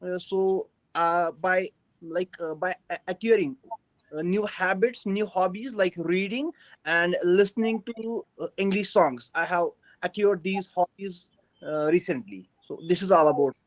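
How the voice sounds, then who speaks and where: A man's voice: high-pitched, dry recording, dull audio. A young man from Kashmir with a Kashmiri Indian accent, speaking hesitantly in an English practice conversation. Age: young adult. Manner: hesitant, halting. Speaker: English learner.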